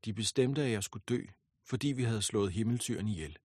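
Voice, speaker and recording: A man's voice: fairly low pitch, expressive, a little mellow, no room sound, clean studio sound. A man voicing a loyal young warrior companion with an earnest, direct manner. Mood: fearful. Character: loyal young male companion, bold then fearful.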